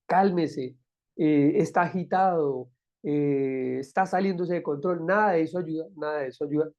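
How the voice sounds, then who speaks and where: Male instructor with a dark, mellow tone, steady and explanatory, in a dull lo-fi recording. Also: on the high side. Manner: patient, explanatory, repeats key phrases. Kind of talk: recorded lecture.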